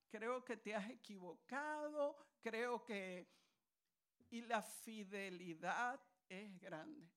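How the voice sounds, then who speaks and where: Woman preaching a slow conversational sermon. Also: fairly high pitch. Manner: conversational, animated storytelling with asides.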